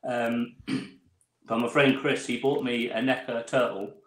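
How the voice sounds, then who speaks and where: A man's voice: mid-range voice, steady tone, a little slow, roomy sound. A man from England with a southern English accent, a guest chatting casually and laughing as he rambles through his story. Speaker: guest toy photographer. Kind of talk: casual chat.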